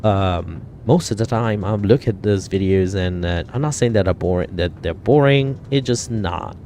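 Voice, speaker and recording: A man chats casually on a flight sim stream, his voice low and mellow. He rambles, fills pauses with "uh" and "um" and restarts his sentences. A faint hum runs under his voice. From Italy. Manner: rambling, many fillers and self-corrections. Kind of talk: casual live-stream chat.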